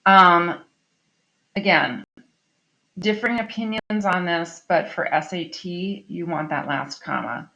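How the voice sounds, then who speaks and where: A woman's voice: fairly low pitch, takes it slowly, creaky, pushed and bright, muffled recording. A woman teacher giving a recorded grammar lesson to her students, explaining in a chatty way and checking in with "okay?" often. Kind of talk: recorded online class lesson.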